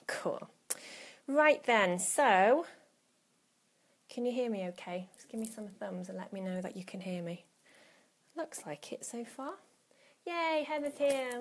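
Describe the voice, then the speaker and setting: A woman in her thirties, a coach, hosts a live stream with a mid-range, slightly breathy voice. She greets viewers by name as they join, chatting casually and often restarting her phrases. It sounds recorded at home on a phone or laptop.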